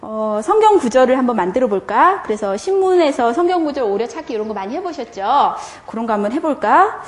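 Woman, Sunday school teacher, animated storyteller with a fairly high voice, walks colleagues through a lesson plan in an echoey room. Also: a little fast. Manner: lively, animated storytelling with rhetorical questions.

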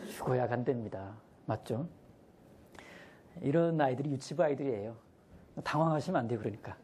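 A man's voice: mid-range voice, animated, fairly quick, pauses often, a little mellow, slight background noise. A man training church school teachers, telling humorous stories and acting out the children's voices.

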